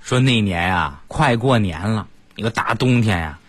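A man's voice: lowish voice, expressive, normal speed, over loud music. A man doing stand-up comedy, telling stories in a chatty, self-mocking way and talking straight to the audience.

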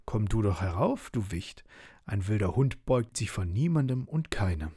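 Storybook: man doing a gruff gloating wild dog, husky and dark, lively swings. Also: lowish voice, moderate pace, dry recording, clean studio sound. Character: big boastful hungry male wild dog.

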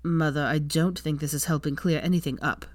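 A woman voicing an impatient young wizard who speaks clipped and sharp. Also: sits low, fairly even intonation, a little fast, no echo, clean studio sound.

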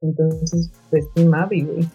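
A woman's voice: low voice, flat delivery, unhurried, warm tone, husky, dull audio, faint music behind. A Mexican woman chatting casually and opinionatedly about a video game, with plenty of slang and swearing.

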